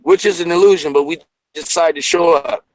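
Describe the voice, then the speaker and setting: A man's voice: a little high, brisk, dry recording, rough recording. A man joining a live panel over a choppy remote conference-call line from a car, explaining point by point. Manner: explains point by point, often calls people "bro". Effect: choppy remote conference-call audio breaking up. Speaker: guest panelist.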